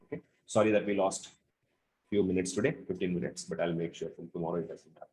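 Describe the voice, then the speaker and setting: A man's voice: deep voice, steady tone, fast, darkish tone, rough recording. A man teaching a live online class over a video call, chatty and informal, apologizing for running late. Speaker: instructor.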